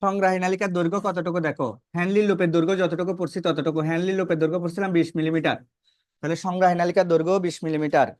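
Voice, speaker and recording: A man's voice: sits high, steady tone, rapid-fire, darkish tone, no room sound, studio quality. A man teaching a biology class, asking questions and then answering them himself, and repeating key terms to drive them home. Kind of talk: classroom lecture.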